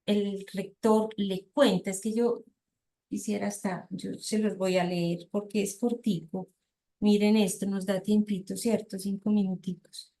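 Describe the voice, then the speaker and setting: A woman's voice: medium pitch, a little mellow. A woman with a Colombian accent giving a seminar lecture, reading passages aloud and often checking in with her listeners. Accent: Colombian Spanish. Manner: diminutives, frequent checking questions.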